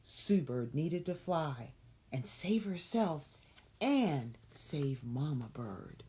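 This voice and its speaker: Slow, expressive woman reading a storybook. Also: sits low. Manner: expressive, asks listeners questions between passages. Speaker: children's story reader. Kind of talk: reading a picture book aloud to children.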